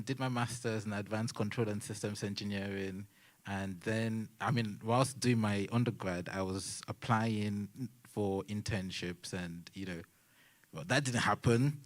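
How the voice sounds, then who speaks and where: Low-voiced man telling his story. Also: normal speed. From Nigeria. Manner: chatty storytelling with self-mocking asides and laughs. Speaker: panelist, technology consultant. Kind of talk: panel testimony at a church young adults session.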